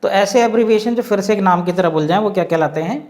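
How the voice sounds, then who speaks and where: A man teaching an English grammar lesson in a classroom style, spelling out letters slowly and asking the class rhetorical questions. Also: high voice, a little mellow. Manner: explains step by step, asks the class rhetorical questions.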